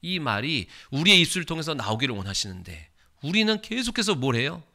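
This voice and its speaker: Bright-voiced preaching pastor, man. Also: fairly high pitch, sing-song, brisk. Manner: emphatic preaching, swells loud in prayer. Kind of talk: sermon and closing prayer.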